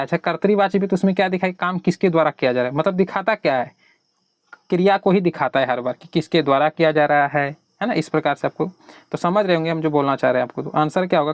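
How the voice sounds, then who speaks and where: Man, Bihari Hindi accent, exam prep teacher, fairly high voice, dry close mic. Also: dry recording. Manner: explains step by step, asks questions and answers them himself. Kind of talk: online exam lesson.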